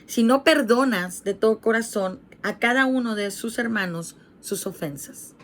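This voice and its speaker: A woman's voice: a little high, a little hiss or hum. A woman preaching a sermon, retelling a parable and reading scripture aloud, talking directly to viewers watching a video. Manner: earnest teaching, addresses viewers directly. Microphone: streamed video.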